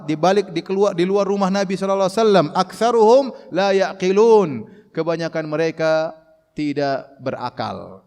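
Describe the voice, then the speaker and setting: Male preacher, high-pitched, animated sermon, lecture hall with long reverb. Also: clear, resonant tone. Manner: animated, mimics shouting callers with raised voice; recites Arabic verses slowly. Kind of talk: Quranic commentary lecture.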